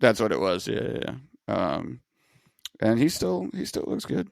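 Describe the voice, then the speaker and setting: A man's voice: mid-range voice, sing-song, moderate pace, gravelly, darkish tone, no echo, studio quality. A man from Long Island, hosting a casual wrestling podcast chat, joking and swearing freely. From Long Island, New York. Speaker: podcast host.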